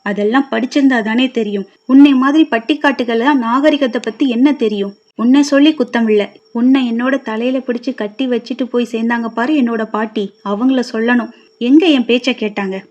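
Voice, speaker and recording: A woman's voice: a little high, brisk, lightly acted. A woman voicing an angry scornful husband. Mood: angry scolding. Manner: shouting insults, sharp and loud. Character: harsh scornful husband, grown man, short-tempered. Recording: dull lo-fi recording.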